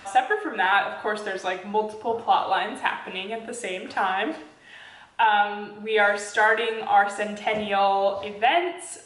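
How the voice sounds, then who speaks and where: A woman chatting through a home book vlog at a mid-range pitch, laughing easily and filling gaps with "like". She sits a little back from the mic, and the room rings around her voice. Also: fairly bright tone, echoey room, recorded from a distance. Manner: chatty, laughs often, says "like" a lot. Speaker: book vlogger. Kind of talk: casual vlog chat.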